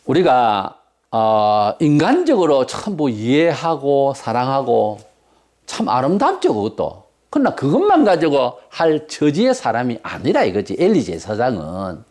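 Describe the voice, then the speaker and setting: A man's voice: mid-range voice, wildly swooping pitch, a little slow, darkish tone. A man preaching a sermon as pastor, blunt and emphatic, firing off rhetorical questions.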